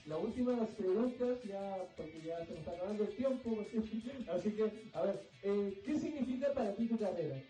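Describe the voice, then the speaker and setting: Man interviewing, dark and distant. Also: high voice, expressive, normal speed, few pauses. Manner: friendly, hesitant, filler-heavy questioning. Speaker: event interviewer. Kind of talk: live event interview. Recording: echoey, distant, with music.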